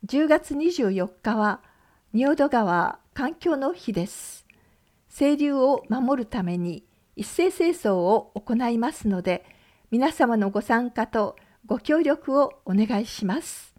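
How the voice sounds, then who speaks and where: Female radio host, slightly high, slow measured read of event listings. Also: expressive, a little mellow. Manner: measured, clear reading of lists and numbers. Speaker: radio announcer. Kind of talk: scripted community notices.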